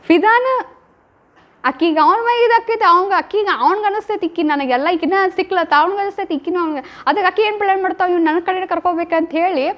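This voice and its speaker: Speaking quickly with hardly any pauses, this woman has a very high-pitched voice. As a spiritual speaker giving a devotional talk, she recounts love stories with feeling and performs the quoted lines. The audio sounds dull and lo-fi.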